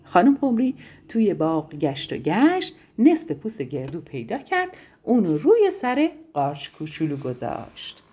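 A woman telling a bedtime story to children in a gentle, soothing, sing-song way. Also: lowish voice, huge pitch swings, slightly rough.

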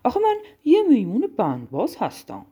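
A woman's voice: a little high, wildly swooping pitch, mellow, slightly rough, full character voice. A woman voicing a proud, showy acrobat monkey in a children's story. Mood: boastful. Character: boastful tightrope-walking monkey.

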